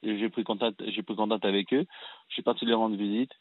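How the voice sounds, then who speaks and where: Flat, low-voiced man on a phone line. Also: no room sound. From Cameroon. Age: 30s. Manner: earnest, halting storytelling with frequent restarts. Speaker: caller. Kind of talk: phone-in personal testimony. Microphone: telephone.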